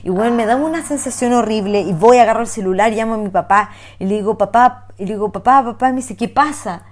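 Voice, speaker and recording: A young woman with a Chilean Spanish accent, telling a story in animated, slang-heavy casual chat. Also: medium pitch, fast talker, a little hiss or hum.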